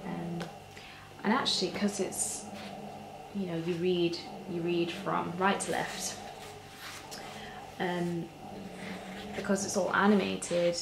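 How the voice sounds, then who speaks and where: Woman, ASMR role-play, soft library soft voice, low even pitch, gentle hesitant librarian, roomy noisy recording. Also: slow, pauses often. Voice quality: soft, hushed voice, near soft voice at times. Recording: roomy echo with clear background noise.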